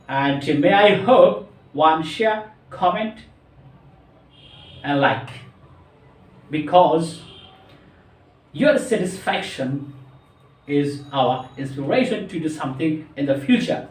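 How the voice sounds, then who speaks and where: A man with a Bangladeshi accent teaching a spoken English lesson, slowly stretching out words and mixing English into his explanations. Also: a little high. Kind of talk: classroom lesson. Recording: echoey room, voice from a distance.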